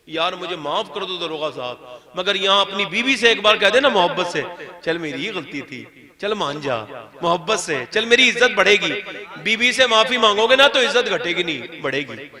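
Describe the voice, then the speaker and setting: Impassioned high-voiced male preacher. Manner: impassioned, builds to shouting, addresses crowd directly. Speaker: Islamic preacher. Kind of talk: sermon.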